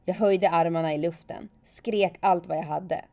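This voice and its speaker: Woman narrator, low and mellow, calm first-person storytelling. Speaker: former alpine skier telling her story.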